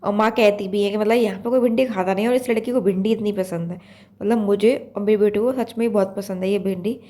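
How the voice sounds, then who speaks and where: A young woman with a Uttar Pradesh Hindi accent, hoarse with a blocked nose from a cold, chatting in a rambling way as she narrates her home cooking vlog. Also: mid-range voice, fairly even intonation, fast, warm tone. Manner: chatty, rambling, full of fillers. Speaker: vlog host. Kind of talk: casual cooking vlog voice-over.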